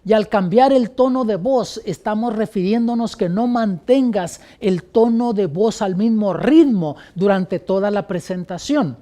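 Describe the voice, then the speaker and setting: Pastor guy teaching how to run bible studies, warm low voice, shifts loud and soft. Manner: instructive, varies loudness and pauses. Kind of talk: training lesson on leading Bible studies.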